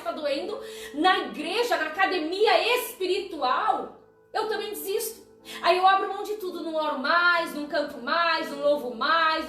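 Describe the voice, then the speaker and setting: A woman's voice: sits high, fairly bright tone. A woman preaching a conversational sermon on a live stream, often asking the listener "tá?". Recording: echoey room, distant mic, faint music.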